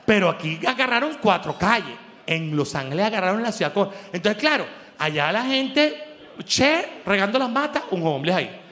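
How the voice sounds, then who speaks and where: A Venezuelan man doing an animated stand-up comedy monologue, laughing and acting out quoted voices. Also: high voice, moderate pace, big-room sound. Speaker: comedy show host.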